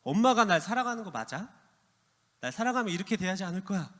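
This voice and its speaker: A man's voice: high-pitched, very animated, fast, a bit bright, big-room sound, pitched above the performer's own voice. A man voicing an upset teenage girl complaining to her mother in a whiny, pleading way, inside a sermon story.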